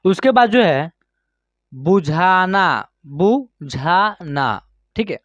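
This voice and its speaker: A man with a high voice leads a slow online reading lesson, stretching each word out syllable by syllable and pausing to check his students follow. The sound is dry and a little dull, with no room echo. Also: very animated, a bit bright. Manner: slow, drawn-out word-by-word pronunciation with frequent check-ins. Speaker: Hindi reading teacher.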